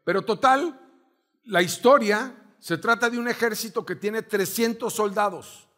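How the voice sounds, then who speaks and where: A middle-aged man with a Mexican accent preaching a sermon as pastor, telling a story with animated energy and acting out shouted commands. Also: high-pitched, measured pace.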